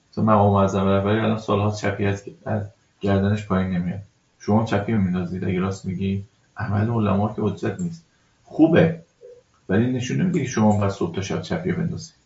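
Exasperated gravelly man answering religious questions. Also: low-pitched. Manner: exasperated, scolding, animated. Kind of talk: religious Q&A talk. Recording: echoey, dull lo-fi recording.

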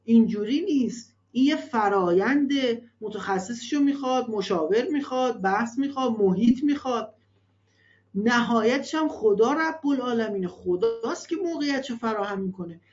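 A man's voice: very high-pitched, expressive. A man giving religious advice to parents in an earnest, emphatic way, with many rhetorical questions. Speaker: religious family counselor. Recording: dull lo-fi recording.

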